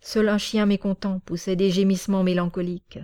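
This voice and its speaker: A woman narrating an audiobook in a slow, even storytelling manner. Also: mid-range voice, no room sound, clean studio sound.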